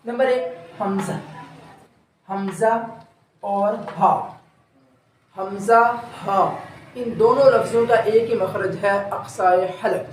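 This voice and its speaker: Slow, patient male recitation teacher. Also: high voice, echoey room, slight background noise. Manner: explains step by step, repeating and drawing out sounds for demonstration. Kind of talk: recorded tajweed lesson.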